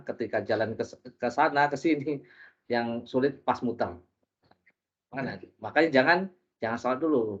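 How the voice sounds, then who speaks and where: A man teaching a religious class, lively and joking, often putting questions to his listeners. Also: medium pitch. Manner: lively, jokey, asks the audience questions. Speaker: preacher. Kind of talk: interactive religious lesson. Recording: dull lo-fi recording.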